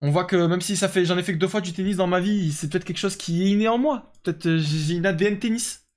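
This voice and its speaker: A man's voice: sits high, quick pace. A young man streaming a football management game, chatting casually and answering his viewers as he plays. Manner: chatty, reads and answers chat, lots of fillers. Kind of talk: casual live game commentary.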